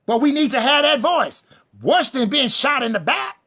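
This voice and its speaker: High, gravelly preacher man. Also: expressive, normal speed, sharp tone. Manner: emphatic and repetitive, addresses the listeners directly; builds lists and refrains for rhythm. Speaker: preacher and teacher. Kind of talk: fiery sermon-style lecture.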